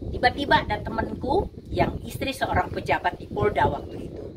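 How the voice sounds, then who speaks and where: A woman's voice: medium pitch, very noisy. Woman minister giving an emotional testimony. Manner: emotional storytelling, addressing the congregation directly. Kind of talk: testimony sermon. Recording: voice from a distance with clear background ambience.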